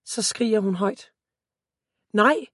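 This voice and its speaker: A woman reading a first-person story aloud as an audiobook narrator, in a calm, steady voice. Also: medium pitch, no echo, clean studio sound.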